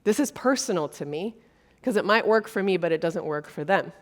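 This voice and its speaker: A woman's voice: on the low side, expressive, fairly quick. A woman from Brazil giving a conference keynote on stage, talking earnestly and conversationally with frequent fillers. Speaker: keynote speaker. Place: conference stage before an audience.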